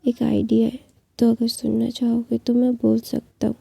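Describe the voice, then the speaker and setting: A woman's voice: fairly high pitch, monotone, moderate pace, dark tone, full character voice. A woman whispering as an earnest young man. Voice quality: whispered, husky. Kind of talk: whispered role-play.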